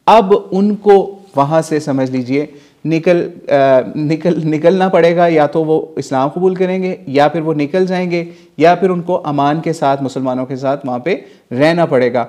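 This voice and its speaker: A man's voice: a little high, warm tone. A man from Pakistan giving an Islamic history class, retelling events in a storytelling way, asking and answering his own questions and mixing in English words. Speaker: religious teacher.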